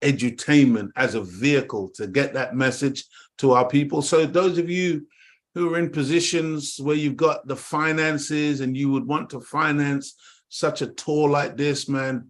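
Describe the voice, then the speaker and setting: A middle-aged Jamaican man, co-host of an online talk show, speaks over a call in a steady, mid-range voice at normal speed. His impassioned monologue preaches forcefully, repeats words for emphasis, and addresses "dear family."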